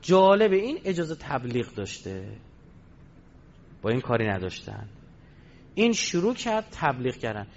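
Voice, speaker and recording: A man's voice: mid-range voice, big pitch swings, long pauses. A man giving a storytelling sermon, asking rhetorical questions and answering them himself. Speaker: religious lecturer. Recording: dull lo-fi recording.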